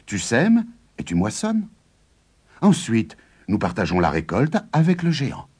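A man's voice: medium pitch, wildly swooping pitch, unhurried, darkish tone, slightly rough, full character voice. A man voicing a clever, practical farmer's wife in a storybook. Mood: shrewd.

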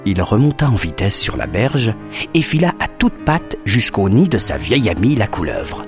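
A man narrating a children's story expressively, dropping to a hush at suspenseful moments. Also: lowish voice, big pitch swings, normal speed, over music.

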